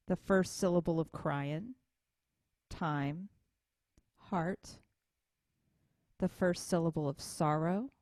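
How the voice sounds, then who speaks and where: A woman music instructor giving a recorded lecture, explaining things in a measured, step-by-step way. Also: lowish voice, darkish tone, dry recording.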